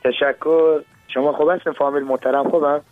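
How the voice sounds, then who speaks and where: A man's voice: on the high side, flat delivery, no echo. A male singer from Herat is a guest on a radio call-in show. He answers politely and courteously. His voice comes through a dry, tinny, phone-like line with faint music behind. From Herat, Afghanistan.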